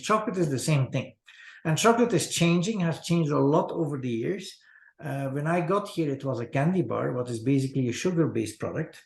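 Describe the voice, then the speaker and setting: An older man from Belgium, a chocolatier, talking in a halting, casual way with many fillers over a video call from an office. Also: medium pitch, vocal fry, darkish tone, echoey room. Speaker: chocolatier guest. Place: office with large window. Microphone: video call webcam.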